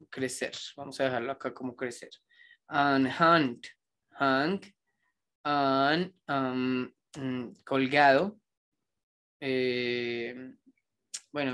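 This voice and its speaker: Man teaching English grammar, slow dictation. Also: medium pitch, fairly bright tone, smooth. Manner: switches between explaining and slow dictation of examples; reflective, rambling asides. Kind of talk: online grammar lesson.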